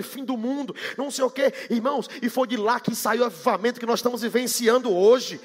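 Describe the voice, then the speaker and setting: A man from Bahia, Brazil, preaches a sermon in a quick Bahian Portuguese accent, swinging into sing-song shouts. His very high voice is sharp and gravelly, and a large church hall gives it a long reverb.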